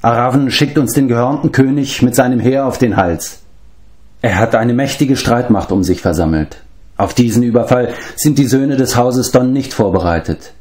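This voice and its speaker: A man reading an audiobook, voicing a noble adult male prince and war leader who speaks in a measured, commanding way. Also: medium pitch, a little mellow, pitched above the performer's own voice, lightly acted.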